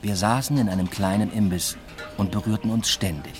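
In a radio drama, a male actor plays a reserved young man who narrates a new love affair in the first person, understated, matter-of-fact and reflective. His natural voice is lowish, steady, a little mellow and a little fast, with faint music behind it.

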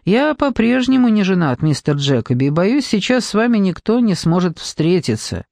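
A man's voice: sits high, big pitch swings, moderate pace, creaky, a little mellow, no echo, studio quality, heavily acted. A man voicing a stiff, disapproving butler who pleads in exasperation. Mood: pleading.

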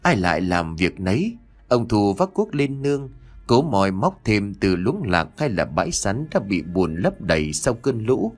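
A man reads an audio story in a low voice, dramatic and expressive. His delivery rises and falls a lot, with soft music playing underneath. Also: measured pace. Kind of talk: scripted audio story narration.

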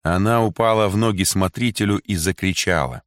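A man reading a classic story aloud in an expressive manner. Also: low voice, a little fast, no room sound, clean studio sound.

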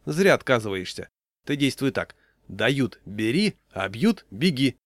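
A guy doing a breezy know-it-all buddy, a bit higher, no room sound. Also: sing-song, unhurried, no room sound, clean studio sound. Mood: advising. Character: easygoing adult man, hearty drinker.

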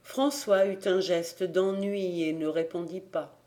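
A man narrating a classic novel as an audiobook in a measured, even storytelling manner. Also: high voice.

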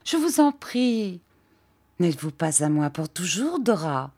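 An ardent young man, voiced by a woman narrator speaks softly and earnestly to his sweetheart. Her own fairly low voice carries him, slowed and gentle. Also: lively intonation. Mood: tender. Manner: tender and earnest.

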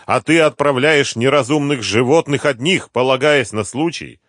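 A man's voice: mid-range voice, normal speed, no echo, clean studio sound, pitched above the performer's own voice, lightly acted. A man voicing an angry, hot-tempered smuggler in an audiobook. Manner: angry, shouting.

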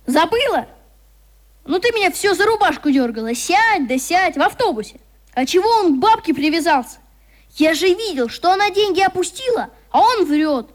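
A very high, animated schoolboy's voice in a radio play. He is principled and stubborn, quick to argue and easily stung, pressing his case with heated feeling. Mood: indignant. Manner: heated, argumentative.

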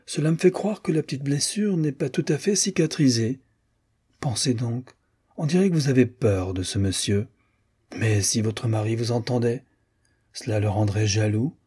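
A man's voice: mid-range voice, moderate pace, warm tone, breathy edge. A man voicing a chatty, teasing young American society woman in an audiobook, playful and lightly mocking. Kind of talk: audiobook character voice.

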